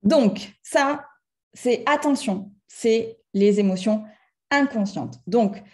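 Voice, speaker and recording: A middle-aged French woman giving a lively talk on emotions to a live audience. She speaks to them directly and acts out little scenes in other voices. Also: fairly high pitch, slow. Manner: chatty, addresses the audience directly. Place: conference room with a live audience.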